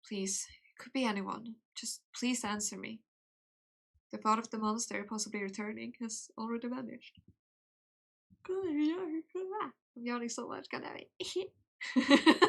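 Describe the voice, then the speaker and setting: A young woman streaming, reading game text aloud in a slow, soft way and breaking off into giggly, casual asides. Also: mid-range voice, gravelly.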